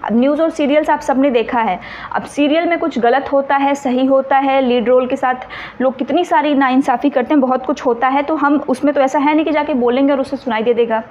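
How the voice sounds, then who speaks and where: A woman's voice: high voice, steady tone, brisk, darkish tone, slight background noise. A woman teacher giving an exam-prep lecture. She explains patiently and keeps checking whether her students follow. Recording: slightly dull recording, faint ambience.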